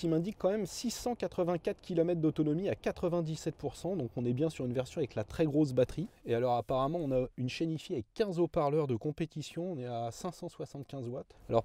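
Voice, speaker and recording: A man's voice: on the high side, mellow. A man giving a casual, chatty car review, talking viewers through the cabin and a test drive. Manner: chatty, explanatory, addresses viewers directly. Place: inside an electric car, parked then driving.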